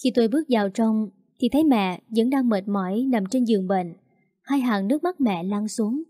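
A woman's voice: on the high side, normal speed, warm tone, no room sound, clean studio sound. A woman narrating a first-person story as the older sister, speaking firmly and indignantly. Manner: firm, indignant, scolding.

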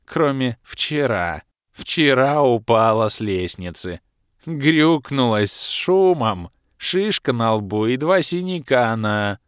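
A man reading an audiobook, voicing an odd, childlike bald male elf who talks slowly and playfully. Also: mid-range voice, lively intonation, clear, resonant tone, no echo, studio quality. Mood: gossiping. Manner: slow, drawling, playful.

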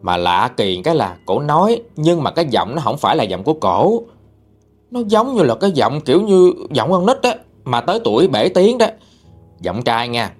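A man's voice: mid-range voice, big pitch swings, normal speed, soft background music. Dramatic male storyteller. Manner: chatty, dramatic, addresses listeners directly. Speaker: ghost story narrator. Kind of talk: storytelling narration.

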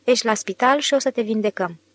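A woman's voice: a little high, lightly acted. A woman reading the part of a young female doctor, friendly and patient.

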